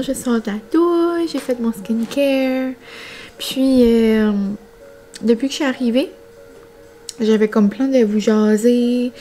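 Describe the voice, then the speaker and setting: A young woman with a Québécois French accent chatting casually to camera as a vlogger, relaxed and low-key, feeling a bit unwell. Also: slight background noise. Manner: chatty, relaxed, sprinkles English words.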